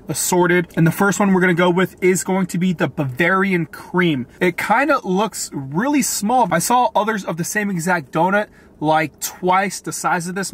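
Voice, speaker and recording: A man's voice: a little high, fairly bright tone, breathy edge. Chatty man reviewing food in a car. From Florida. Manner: chatty, tasting and commenting as he eats. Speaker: food vlogger. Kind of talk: casual food review vlog. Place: parked car.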